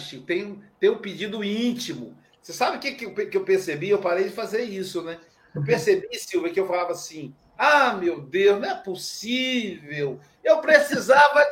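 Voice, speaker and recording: A chatty Brazilian man hosts a casual live show. His voice sits noticeably high, and he talks in a lively way, slipping into little acted-out quotes and bits of dialogue. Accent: Brazilian Portuguese. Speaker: host.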